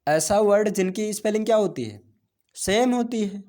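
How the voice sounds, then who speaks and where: Animated and warm, a high-sitting man's voice walks through an English grammar lesson step by step, classroom fashion. He blends English terms into his Hindi, questions himself and supplies the answers, and reads the English lines at a slow pace.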